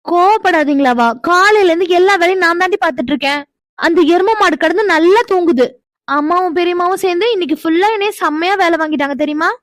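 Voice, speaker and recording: A woman voicing a bossy young woman in a cartoon who scolds and nags, sharp-tongued. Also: extremely high pitch, fast, no room sound, studio quality. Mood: scolding. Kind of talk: cartoon voice acting.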